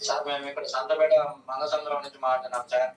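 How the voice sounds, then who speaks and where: Male phone-in caller, brisk and bright, heard distant and roomy over the line. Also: mid-range voice, flat delivery, slight background noise. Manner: polite, keeps saying sir, quick complaint.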